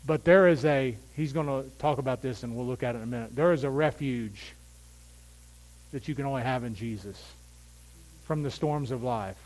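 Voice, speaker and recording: A man preaching a sermon, swinging from loud, impassioned calls to quiet, intimate asides. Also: mid-range voice, normal speed, low-quality recording. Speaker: pastor.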